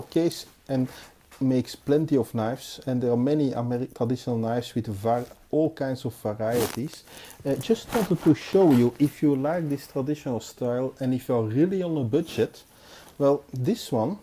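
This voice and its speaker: This Belgian reviewer collects knives and talks through a casual hands-on review at an indoor table. He has a mid-range voice with a mellow, dark quality. He sounds hesitant and halting, clearly unscripted.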